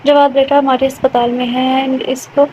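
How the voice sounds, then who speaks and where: A woman voicing a middle-aged mother who begs tearfully, rushing her words in one breath, in a storybook reading. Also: high voice, little pitch movement, warm tone, natural voice. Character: older mother begging through tears. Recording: dull lo-fi with faint hiss.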